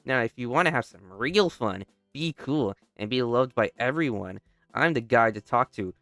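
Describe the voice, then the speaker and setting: A man's voice: medium pitch, lively intonation, normal speed, a bit bright, no echo, soft background music. A man voicing a cocky, mocking male rabbit classmate in a sneering, teasing tone close to his own voice. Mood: smug.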